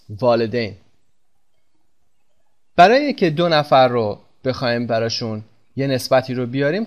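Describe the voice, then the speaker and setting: A male teacher whose first language is Persian gives a recorded English lesson. He reads English sentences very slowly and explains them quickly in his own language. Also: mid-range voice, highs cut off.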